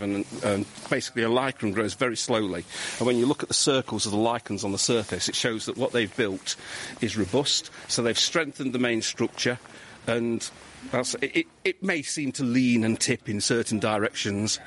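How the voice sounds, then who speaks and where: Male engineer, low-ish voice, patient technical explainer, outdoor interview with faint background noise. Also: fairly bright tone. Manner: measured, explanatory, with restarts. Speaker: civil engineering lecturer. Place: outdoors on a hillside street.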